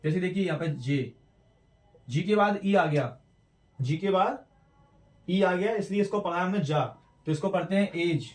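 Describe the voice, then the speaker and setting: A man's voice: sits high, darkish tone, far from the mic. Man teaching pronunciation in an echoey room. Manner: slow, repeats words for drill, stresses sounds. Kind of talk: classroom lesson explaining at a board. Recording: roomy echo, mic away from speaker.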